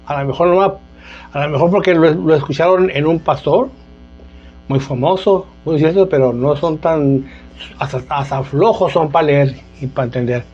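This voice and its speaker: A man's voice: fairly high pitch, normal speed, darkish tone. A man preaching an informal sermon, talking conversationally and often asking "¿verdad?". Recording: dull lo-fi sound with faint music.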